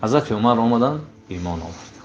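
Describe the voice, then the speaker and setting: A male preacher with a Tajik accent, telling a story in a sermon, swinging between loud, high cries and low, hushed lines. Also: lively intonation, lo-fi sound, slight background noise.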